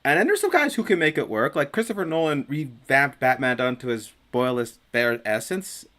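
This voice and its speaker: Lively rambling male podcast host. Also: mid-range voice, moderate pace. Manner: rambling, animated, breaks into quoted voices. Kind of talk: casual chat.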